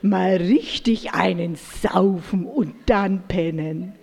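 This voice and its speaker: A woman voicing a sleepy, boozy male ox in a spoken animal fable, with a low, gruff delivery. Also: slow, darkish tone, in a large hall, heavily acted. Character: grumpy sleepy male ox, likes a drink.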